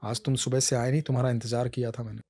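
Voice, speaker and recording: A man voicing a gentle deity who speaks softly and tenderly. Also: mid-range voice, flat delivery, fast, husky, no echo. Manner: soft, tender.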